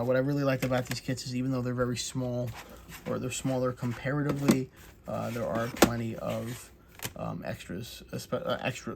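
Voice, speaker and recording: A man hosting a casual unboxing walkthrough, talking in a relaxed, chatty way with many fillers. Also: medium pitch, creaky, very noisy. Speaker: crafts channel host.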